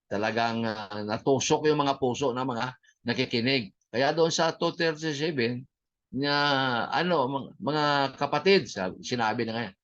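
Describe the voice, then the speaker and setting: A man with a Filipino accent teaching a church history class in an unhurried way, with many fillers and English phrases mixed in. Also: medium pitch, fairly bright tone, dull audio.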